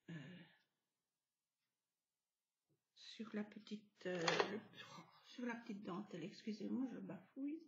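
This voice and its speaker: A woman narrating a craft tutorial, explaining each step gently with soft asides. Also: medium pitch, roomy sound, a little hiss or hum. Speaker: craft video host. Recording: dull lo-fi home recording.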